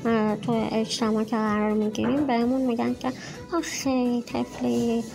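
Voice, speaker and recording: Gravelly-voiced woman, hesitant anecdote. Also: on the high side, little pitch movement, over music, rough recording. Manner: hesitant, with pauses and fillers. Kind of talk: told personal anecdote.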